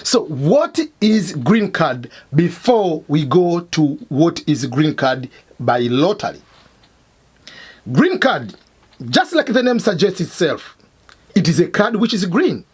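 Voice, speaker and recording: Tanzanian-born guy hosting a lesson, high husky voice, very animated, repeats his points. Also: slow. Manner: emphatic, repetitive teaching. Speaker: host. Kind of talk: explainer lesson. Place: Missouri, United States.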